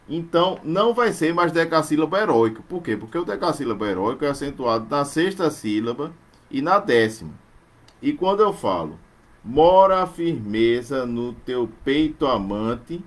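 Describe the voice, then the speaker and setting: A man teaching a live online literature class, explaining verse form and scanning lines slowly syllable by syllable, often checking in with tag questions. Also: fairly low pitch, a bit bright.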